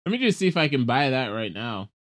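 A man's voice: mid-range voice, sing-song, fast talker, fairly bright tone. A man co-hosting a podcast in natural, unscripted casual talk, with loose, informal phrasing. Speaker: podcast co-host.

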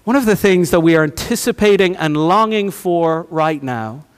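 A man preaching a sermon, moving between hushed, slow lines and rising, near-shouted emphasis, with rhetorical questions and repeated phrases. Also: fairly high pitch, expressive, clean tone. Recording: long hall reverb.

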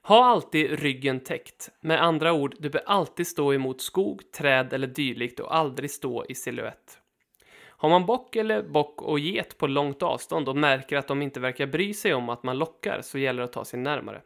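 A man reading his own hunting trip article aloud in a steady, matter-of-fact way. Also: mid-range voice, gravelly. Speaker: hunting writer narrating his trip report.

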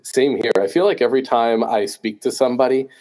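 A man's voice: mid-range voice, a little fast, darkish tone. A man with a New Jersey accent hosting a podcast interview, talking casually and chattily, joking about himself. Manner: chatty, self-joking, loose with fillers. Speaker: podcast host.

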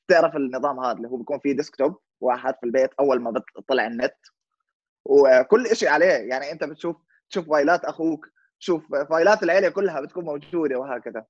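A man's voice: mid-range voice, no echo, highs cut off. A man in his twenties with a Levantine Arabic accent, chatting informally as an interview guest, explaining things and mixing in English words. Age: 20s. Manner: informal, explanatory, checks listener understands. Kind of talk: casual conversational interview with English words mixed in.

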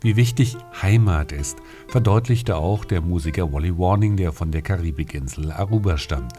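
A man reading scripted radio feature narration in a calm, measured way. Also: sits low. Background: music bed.

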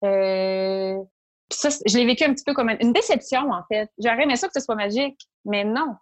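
Fairly high-pitched and fairly quick, this Quebec-born entrepreneur speaks with a Québécois French accent during an interview. As a guest sharing her story, she's animated and lively, often voicing her own inner thoughts aloud.

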